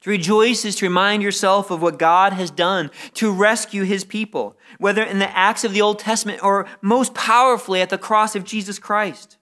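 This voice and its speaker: A man preaching in an earnest, steady way, with a voice that sits a little high for a man. He tends to repeat a word or two before pressing on, and he leans into key phrases. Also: normal speed, hardly any pauses. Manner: earnest, repeats words when stuck, rises in intensity on key phrases. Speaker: pastor. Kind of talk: sermon.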